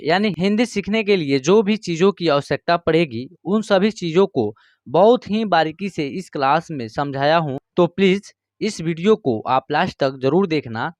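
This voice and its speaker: An online teacher gives a patient beginner's lesson, reciting letters one by one and often adding small check-in fillers like "theek hai" and "jo hai." The voice is mid-range, with no echo.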